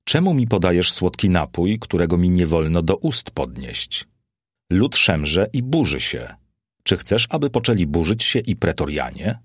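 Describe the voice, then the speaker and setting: A man's voice: low-pitched, big pitch swings, normal speed, husky, dry recording, clean studio sound, exaggerated voice. A man voicing a scheming, menacing Roman prefect who speaks in a cold, threatening way.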